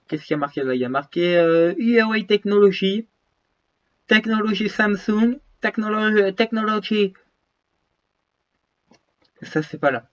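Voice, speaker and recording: The highs are cut off on this recording of a man with a high voice. Sick with a cold and short of breath, the YouTuber rambles casually through a tour of his phones and gear, restarting sentences and using plenty of slang.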